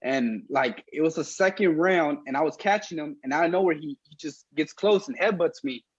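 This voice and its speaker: A man's voice: fairly high pitch, animated, normal speed, slightly rough, dry recording, muffled recording. A young man, a boxer, giving informal, plain-spoken answers in a casual interview.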